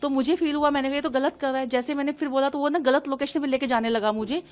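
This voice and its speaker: A woman's voice: sits high, steady tone. A woman from Delhi giving an agitated first-person account to a reporter, re-enacting the exchanges as she tells it. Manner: agitated, fast, re-enacting dialogue. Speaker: interviewee recounting an incident.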